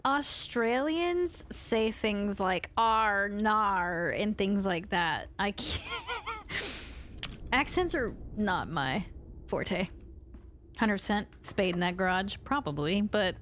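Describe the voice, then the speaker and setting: A woman streamer giving casual commentary as she plays a game, talking to her chat with quick jumps in pitch. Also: slight background noise. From rural United States. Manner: animated, talks to chat, quick swings up in pitch.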